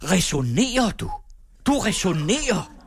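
A man's voice: high-pitched, very animated, creaky, husky, voice pushed up, heavily acted. A man voicing a short-tempered young female schoolteacher who snaps and scolds in a story reading. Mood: furious. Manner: snapping, scolding.

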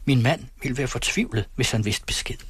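A man's voice: medium pitch, breathy edge, no room sound. A man doing upset young wife who wants to go home, pleading, audiobook. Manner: pleading, tearful, insistent. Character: distressed young wife, homesick patient.

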